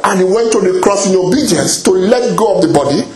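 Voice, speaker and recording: High-voiced preacher in an echoey hall. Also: male voice, fairly quick. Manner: animated, exclaims hallelujah and praise God often; repeats and restarts phrases. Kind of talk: sermon.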